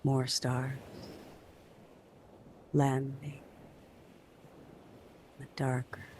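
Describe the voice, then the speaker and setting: A man narrating a guided sleep hypnosis in a hushed, soothing manner, in drawn-out phrases with long pauses. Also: medium pitch, completely flat delivery, slight background noise.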